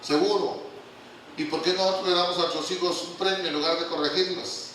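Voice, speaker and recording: An older man delivers a lively, joking church sermon and keeps calling out questions to his congregation. His voice is bright and slightly high for a man. It is picked up from a distance in a very echoey church hall with faint background noise. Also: a little fast. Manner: lively, humorous preaching with call-and-response questions. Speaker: guest pastor.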